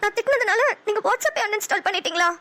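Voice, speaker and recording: A kind young businesswoman in a cartoon, voiced by a woman. She soothes a friend in a very high, bright voice and talks quickly. The sound is dry and close. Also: animated, soft background music, full character voice. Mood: caring, concerned. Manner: soft, soothing, caring. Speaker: cartoon voice actor. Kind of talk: Tamil cartoon dialogue.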